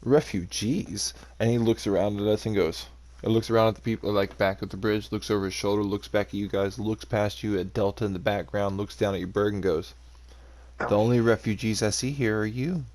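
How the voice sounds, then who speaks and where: A man's voice: on the low side, level tone, fast, hardly any pauses, darkish tone. A man narrating a tabletop role-playing game as game master, describing the scene loosely with many fillers.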